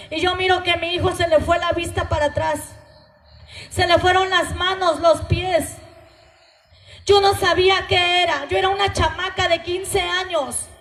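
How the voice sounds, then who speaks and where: A woman's voice: very high-pitched, fairly bright tone, roomy sound. A woman with a Mexican Spanish accent telling an emotional, earnest testimony to a church congregation. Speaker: testimony speaker at a church gathering. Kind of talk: spoken testimony.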